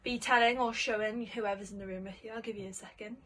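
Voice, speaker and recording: A woman singing teacher giving spoken warm-up instructions, explaining simply and encouragingly, step by step, as if for children. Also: mid-range voice, steady tone, fast.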